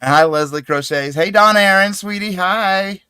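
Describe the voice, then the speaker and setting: A man's voice: sits high, measured pace, clear, resonant tone, no echo. A man hosting a casual crochet livestream, greeting viewers by name, laughing easily, talking into a desk mic at home. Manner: chatty, greets viewers warmly, laughs often. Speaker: crochet channel host. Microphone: desk microphone.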